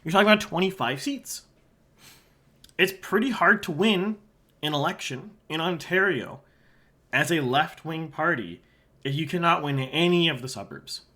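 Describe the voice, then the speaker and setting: With a sore throat, a Halifax election analyst who hosts a channel walks through a forecast map in casual, solo commentary. He sounds fairly high and animated at normal speed, pointing at the map and tossing in quieter asides.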